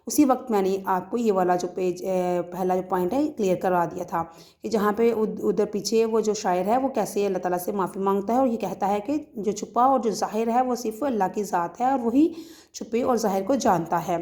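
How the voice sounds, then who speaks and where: A woman's voice: medium pitch, mellow. A woman school teacher from Pakistan giving a recorded lesson to children, patiently explaining word meanings with fillers and restarts. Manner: patient explaining with frequent fillers and restarts, recites poetry in a measured lilt.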